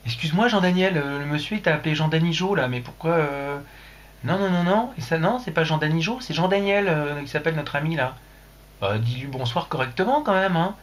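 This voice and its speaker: A man's voice: a little high, animated, fairly quick. Rambling, joking French livestream man. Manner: rambling, crude, joking, with many restarts. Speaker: livestream host. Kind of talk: casual livestream chat.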